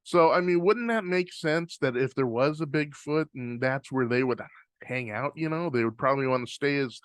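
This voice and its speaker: Speaking at normal speed with a medium pitch and a clean tone, a Pacific Northwest man hosts a podcast and works through listener mail. His talk is loose and rambling, with frequent fillers and false starts. The recording is dry, made on a close studio microphone.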